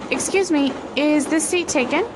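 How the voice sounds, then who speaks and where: A woman's voice: high voice, normal speed, close to an everyday voice. A woman playing a polite commuter making small talk in a scripted textbook dialogue, with vehicle noise behind her. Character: friendly woman working in the city. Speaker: dialogue actor.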